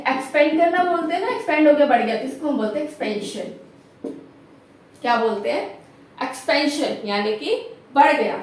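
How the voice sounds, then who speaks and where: A woman's voice: high voice, recorded from a distance. A woman teacher explaining a lesson step by step, often checking understanding and asking rhetorical questions. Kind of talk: classroom lecture. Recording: echoey room, voice off-mic.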